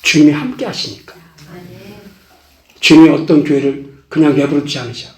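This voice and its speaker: A man's voice: moderate pace, echoey room. A middle-aged male pastor giving a passionate testimony sermon, his voice leaping up on key phrases. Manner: impassioned preaching, pitch swings up on key phrases.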